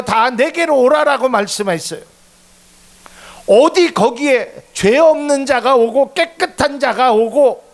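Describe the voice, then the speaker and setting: Pastor, male, middle-aged: gravelly, lively sermon delivery with dramatic quoted voices. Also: high-pitched. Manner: preaching with dramatic voiced quotes, rising to emphatic peaks.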